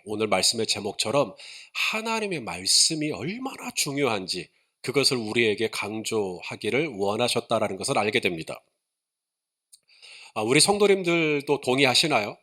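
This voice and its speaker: A pastor with a medium-pitched, pushed, bright voice preaches a sermon to his congregation. He chats and asks questions before building up to emphatic points.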